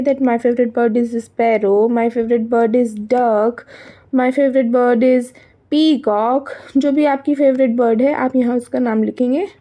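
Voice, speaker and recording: A woman's voice: fairly high pitch, dark tone. A woman with an Indian accent teaching young children from a workbook, switching between Hindi and English, asking questions and answering them herself. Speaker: primary school teacher.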